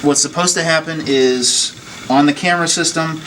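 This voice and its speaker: With a slightly high, fairly bright voice at normal speed, a technician leads staff through an informal hands-on demonstration. He works at an indoor equipment station, explaining each step plainly, and the noisy room comes through as clear background noise.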